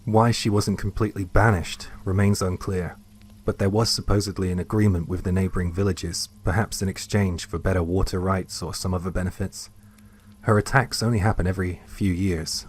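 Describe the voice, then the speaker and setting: A man telling a first-person horror story in a slow, hushed, scripted narration. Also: low voice, slight background noise.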